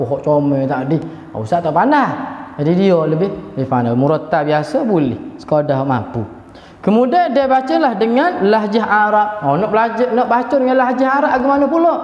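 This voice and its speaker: Speaking in a high-pitched, slightly mellow voice, this Kelantanese-accented man teaches a Quran class conversationally and chants brief passages to show how they're recited. The recording is lo-fi and dull, with hall echo.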